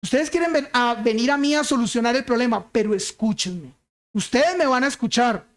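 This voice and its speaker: A man's voice: extremely high pitch, brisk. A preacher putting on a proud, bossy old king. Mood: commanding. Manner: commanding, self-important. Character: proud boastful ancient king demanding attention.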